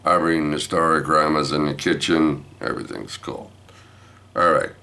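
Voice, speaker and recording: A man's voice: rumbling low, little pitch movement, normal speed, pushed and bright. An older man telling a rambling family anecdote, repeating himself and asking "right?". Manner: repetitive, asks listeners "right?". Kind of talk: rambling storytelling.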